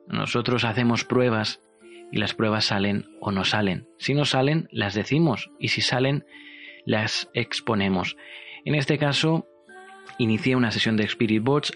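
A man hosting a paranormal show, telling it in an earnest, confessional way and slowing down to stress points. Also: fairly low pitch, fairly bright tone. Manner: earnest, insistent, slows for emphasis. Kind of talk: confessional radio-style narration.

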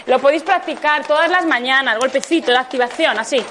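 A woman's voice: sits high, fast talker, background noise. A woman from Spain with a Spain Spanish accent, leading a live laughter workshop, coaxing the group with questions and bursts of laughter. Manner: bursts into laughter exercises, loud "ja" calls.

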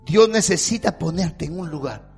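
A man preaching a fervent sermon, swinging from shouts to near-quiet and asking whether the listener understands. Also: on the high side, animated, normal speed, gravelly, soft background music.

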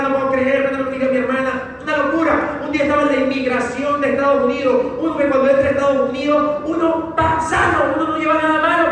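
A man with a Venezuelan accent delivers an emphatic motivational speech to a live audience, repeating phrases for effect, in an extremely high-pitched, fairly bright voice. He is speaking in a large hall with crowd noise behind him. The recording is echoey, with a distant mic and a noisy crowd.

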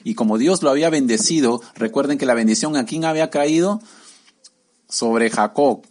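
A man's voice: medium pitch, normal speed, a little mellow. Conversational man preaching a Bible story. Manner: conversational, peppered with tag questions, acts out quoted voices. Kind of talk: casual sermon retelling a Bible story.

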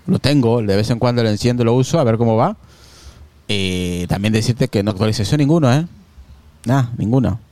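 A man's voice: medium pitch, brisk, mellow, no room sound. A man hosting a casual tech chat from his hot living room at home, teasing his co-hosts. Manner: teasing, joking banter. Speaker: podcast host. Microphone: computer with a phone camera on a video call.

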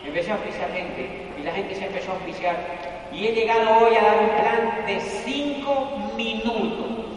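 A man giving a live motivational business talk with lots of energy, repeating phrases for emphasis and at times shouting them out. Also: sits high, moderate pace, slight background noise. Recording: echoey hall, mic far off.

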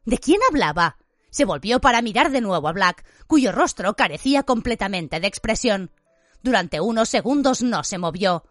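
A woman narrating an audiobook with a lively, expressive delivery. Her pitch moves freely through each sentence. The studio read is dry and close, with faint music underneath. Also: moderate pace, dry recording. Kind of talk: scripted narration.

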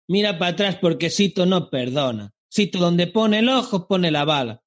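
A man voicing a boastful, crude and menacing middle-aged Galician drug lord with a put-on Galician Spanish accent, in an improvised podcast comedy sketch. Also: sits high. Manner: swaggering, crude, threatening.

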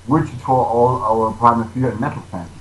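A man's voice: medium pitch, fairly even intonation, fairly quick, a bit bright. Non-native English-speaking man in echoey room. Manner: simple phrasing, repeats words, non-native English. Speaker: heavy metal musician being interviewed. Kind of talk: casual interview answers. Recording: echoey room with background noise.

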